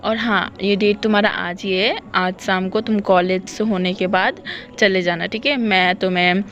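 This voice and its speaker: A woman's voice: mid-range voice, steady tone, moderate pace, fairly bright tone, highs cut off, soft background music, natural voice. A woman doing a pushy, coaxing mother. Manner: coaxing, insistent. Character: pushy mother arranging her son's date.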